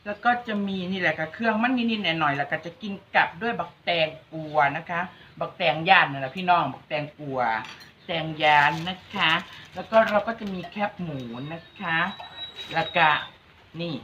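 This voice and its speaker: Her low-leaning voice comes out pushed and bright at a moderate pace as she chats to her audience. She's a cooking vlog host with an Isan accent, teasing viewers directly, and the dull lo-fi recording carries a touch of background noise.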